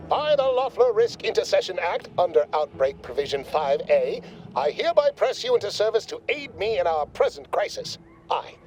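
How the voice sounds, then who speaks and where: A pompous corporate lab boss from a video game, gushing buzzwords and talking down to everyone. His voice sits a little high and swoops all over as he lectures, with soft game music underneath. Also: rough recording. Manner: verbose, condescending corporate jargon.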